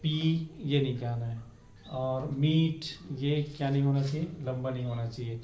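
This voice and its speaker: A man's voice: mid-range voice, steady tone, warm tone. A man teaching an English pronunciation lesson. He asks himself questions and answers them, and keeps checking in with "है ना". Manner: slow and repetitive, asks a question then answers it, keeps adding "है ना". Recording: echoey room with faint background noise.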